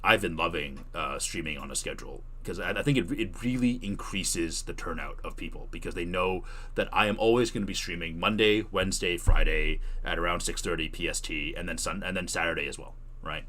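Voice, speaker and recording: A man's voice: sits low, a little fast, pushed and bright. A man talking casually on a livestream, answering questions as he thinks aloud and rephrases. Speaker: streamer giving tutorial and answering chat questions.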